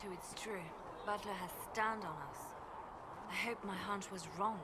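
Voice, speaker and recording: A woman's voice: medium pitch, steady tone, moderate pace, very noisy, natural voice. An actress playing a cold, ruthless woman spymaster in a video game, clipped and commanding. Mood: stern.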